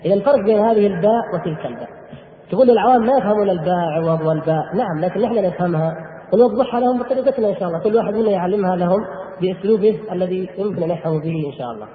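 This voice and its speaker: Fast, high-voiced preacher in an echoey hall. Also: male voice. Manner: rhetorical questions, emphatic. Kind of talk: religious lecture. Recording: echoey hall over a phone-like line.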